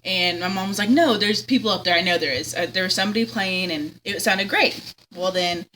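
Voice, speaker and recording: Giggly bright-voiced young woman. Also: medium pitch, brisk, slight background noise, low-quality recording. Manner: giggly, chatty, acts out quoted voices. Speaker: caller telling a ghost story. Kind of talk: casual storytelling on radio.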